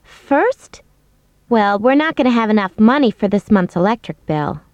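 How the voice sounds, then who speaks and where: A woman playing a young roommate who explains which bills she will pay, in a scripted language-course dialogue, with clear, expressive delivery. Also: mid-range voice, normal speed, no room sound, dull audio, lightly acted.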